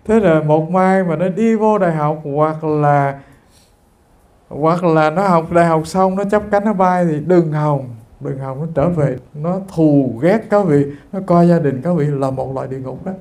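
A man's voice: a little high, a little slow, a little mellow. A man giving a Buddhist sermon, talking straight to his listeners in an earnest, storytelling way. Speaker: Buddhist monk giving a dharma talk.

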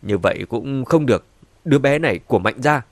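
A stern, quick-to-anger old patriarch in an audiobook, as a male narrator puts him on. He speaks with commanding indignation. The sound is close and dry. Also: mid-range voice, expressive, dry recording, natural voice. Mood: indignant.

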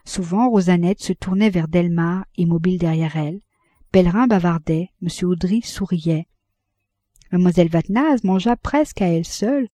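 Dark-voiced woman reading a novel. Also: fairly low pitch, no echo. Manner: measured, even reading. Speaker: audiobook reader. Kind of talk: scripted narration of a classic novel.

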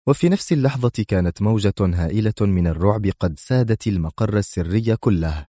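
A man's voice: on the low side, brisk, warm tone, dry recording, clean studio sound. A man reading an action thriller as a dramatic audiobook narrator.

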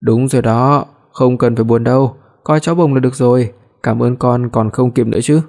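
Imagine a male storyteller voicing a stern older father who is gruff with his son. His voice is mellow and warm. He speaks plainly in a spoken family story. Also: medium pitch, steady tone, a little fast, close to an everyday voice.

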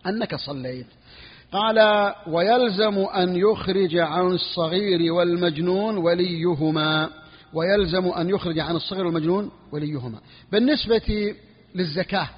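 A man teaching a religious jurisprudence lesson, explaining a text and repeating each point for his students. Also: sits high. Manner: repeats key phrases, asks students if clear. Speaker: sheikh teaching Hanbali jurisprudence. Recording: lo-fi, long reverb hall.

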